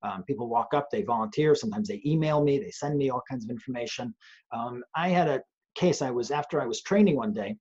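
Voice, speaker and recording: Man, police trainer, raspy voice, dull lo-fi web call sound, earnest and reflective. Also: mid-range voice, lively intonation, fast talker, darkish tone. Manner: earnest, thoughtful, with frequent restarts. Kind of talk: conversational webcast talk. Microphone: video call.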